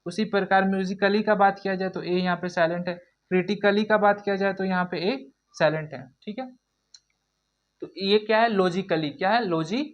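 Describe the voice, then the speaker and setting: A woman teacher leads an online English lesson, steadily repeating each example word. She asks the viewers questions and answers them herself, calling them her friends. Her voice sits at a medium pitch. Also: normal speed, lo-fi sound. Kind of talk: online lesson, drilling pronunciation.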